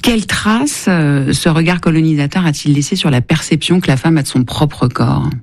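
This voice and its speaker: Measured formal radio host. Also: mid-range voice, creaky, dry recording, clean studio sound. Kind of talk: radio interview hosting.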